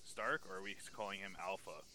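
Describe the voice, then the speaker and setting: A man's voice: low voice, a little fast, bright, forceful tone, no echo. A man asking questions as a military trainee in an online game, in a casual but dutiful way.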